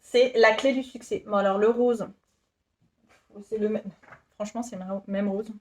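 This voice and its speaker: A woman's voice: medium pitch, fairly even intonation, moderate pace, a little mellow. A woman in her thirties presenting her work in a casual, giggly, self-deprecating vlog chat. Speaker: YouTuber presenting her shop.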